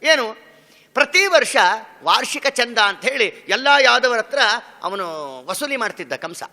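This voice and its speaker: A man's voice: extremely high pitch, sing-song, a little slow, bright, forceful tone, in a large hall. A man giving a devotional discourse as a swami, telling a story by asking questions and answering them, and breaking into song. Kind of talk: devotional discourse with sung verses.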